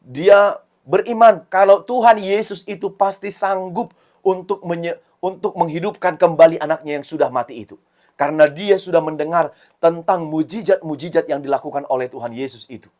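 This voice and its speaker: A man's voice: on the high side, moderate pace, darkish tone. A man preaching a Sunday school sermon to children, retelling a story with repeated phrases and asking the children questions. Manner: asks children rhetorical questions.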